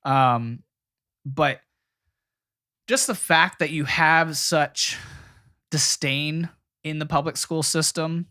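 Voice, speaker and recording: A man's voice: fairly high pitch, slow, pauses often, pushed and bright, no room sound, clean studio sound. A young adult man co-hosting a casual podcast chat, talking loosely with many "you know" fillers. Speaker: podcast co-host.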